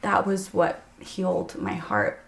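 Earnest woman with a gravelly edge. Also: lowish voice, very animated, a bit bright. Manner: earnest, halting, emotional. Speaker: podcast guest. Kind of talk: candid personal faith testimony.

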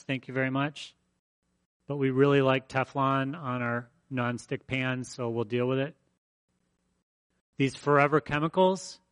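A man's voice: mid-range voice, a bit bright, no echo. A man preaching a conversational sermon as pastor, emphatic and fond of repeating his phrases.

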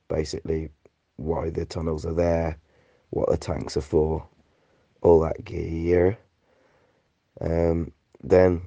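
A man's voice: low voice, dark tone, dry recording. A British man with a rattly, chesty, flu-ridden voice, rambling casually through a sweary, slangy, laid-back voice note. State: sick with flu and a phlegmy cough. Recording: dull lo-fi voice recording.

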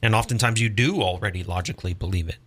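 A man co-hosting a faith podcast, speaking in a measured, teacherly way and citing scripture. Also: fairly low pitch, fairly bright tone, husky. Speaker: podcast co-host. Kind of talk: preaching-toned discussion.

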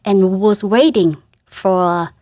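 Slow, gentle Vietnamese-accented woman. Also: mid-range voice, dry recording. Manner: gentle, earnest, halting with restarts, laughs often. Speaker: religious sister, interview guest. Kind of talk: emotional personal reflection.

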